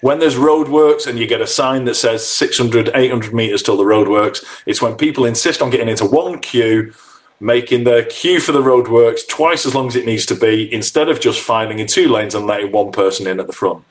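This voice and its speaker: Teasing male podcast host, middle-pitched. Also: fairly quick. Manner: teasing, gloating, jokey. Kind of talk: casual podcast banter.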